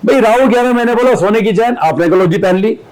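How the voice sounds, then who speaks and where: A man's voice: high voice, quick pace, a crowd in the background, poor audio. A man speaking as an astrologer guest on a podcast, explaining steadily with everyday examples from family and school life.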